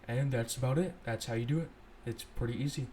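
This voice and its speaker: In this laid-back screen-recorded tutorial, a young man explains a script as he works, musing aloud and catching his own mistakes. His voice sits at an ordinary male pitch, and soft background noise and typing can be heard.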